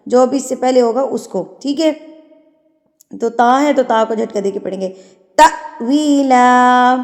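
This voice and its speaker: A woman from Pakistan, teaching Quran tajweed: she recites verses slowly and measuredly, then explains the rules in quick talk. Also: fairly high pitch, warm tone, in a large hall.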